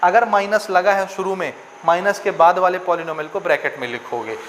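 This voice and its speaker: In this classroom maths lesson, a man from India explains each step at a moderate pace in a fairly high, fairly bright voice. He keeps repeating key rules and often asks questions to make sure students follow, while a faint background hum sits under the recording.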